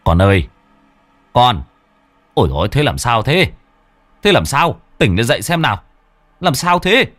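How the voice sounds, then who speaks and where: A man's voice: mid-range voice, sing-song, unhurried, pauses often, fairly bright tone. A man playing a worried middle-aged village father who urgently tries to wake his child. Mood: alarmed. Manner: urgent, shaking a child awake.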